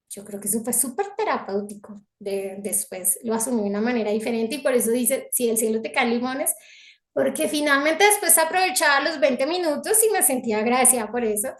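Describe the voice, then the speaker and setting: Woman, Colombian accent, high-pitched, heartfelt testimony, reflective, echoey room. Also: fairly quick. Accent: Colombian Spanish. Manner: heartfelt, reflective storytelling with frequent restarts. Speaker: devotee sharing testimony. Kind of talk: personal testimony at a satsang.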